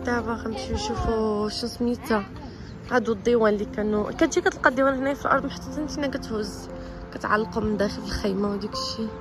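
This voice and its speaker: Young Moroccan woman, travel vlogger, rapid chatty delivery over loud music. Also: a little high, fairly even intonation. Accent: Moroccan Arabic. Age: 20s. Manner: chatty, switching into English phrases. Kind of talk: casual vlog narration. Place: campsite and street market outdoors in China. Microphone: phone at arm's length.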